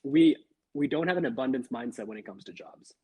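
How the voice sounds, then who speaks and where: A man from Sri Lanka, a guest developer on a casual livestream, talking with pauses and soft asides. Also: mid-range voice, breathy edge, no echo. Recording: dry lo-fi stream audio.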